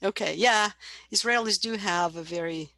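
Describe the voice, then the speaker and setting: Gravelly-voiced woman lecturing on psychology. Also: medium pitch, moderate pace, sharp tone, no room sound. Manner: explanatory, imitates baby babbling sounds. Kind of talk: university lecture.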